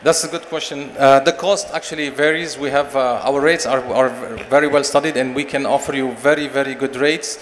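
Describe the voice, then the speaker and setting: A man in his forties, a company director, giving a conference sales pitch and answering questions with many fillers and restarts into a handheld mic. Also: fairly even intonation, fairly quick, few pauses. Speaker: company managing director presenting. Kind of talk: conference presentation and Q&A. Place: large expo stage hall. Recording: long hall reverb, faint noise.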